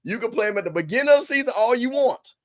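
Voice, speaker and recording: A man's voice: very high voice, animated, very fast. A man hosting a casual sports talk show, brash and scolding as he corrects his listeners. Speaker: show host.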